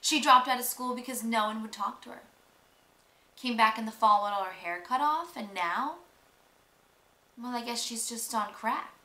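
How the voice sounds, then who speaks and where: A woman's voice: on the high side, moderate pace, pauses often, pushed and bright. A young woman performing a monologue as a mean, spiteful, popular teenage girl, with a catty, gossipy, mock-sweet drawl. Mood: spiteful, dismissive. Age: young adult. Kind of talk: acted film monologue. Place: small room indoors. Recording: roomy, echoey home recording.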